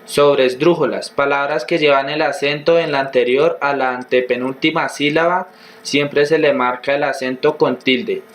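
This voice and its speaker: A man reads grammar rules and examples aloud at a medium pitch. His delivery is steady and list-like, with an occasional filler. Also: normal speed. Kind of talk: reading a grammar lesson aloud.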